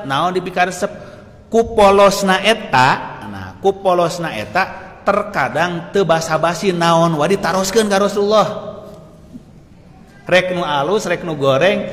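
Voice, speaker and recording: A man with a Sundanese accent preaching a sermon, telling stories with lively energy, laughing often and shouting out the lines he quotes. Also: fairly high pitch. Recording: echoey hall with faint noise.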